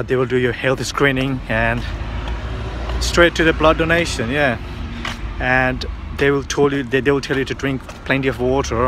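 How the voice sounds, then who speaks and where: Rambling man vlogging on a phone. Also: mid-range voice. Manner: rambling, many fillers and restarts. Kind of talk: casual vlog to camera. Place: outdoors on city streets, partly in a car. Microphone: phone held at arm's length. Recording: phone recording with clear street noise. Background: street and car noise.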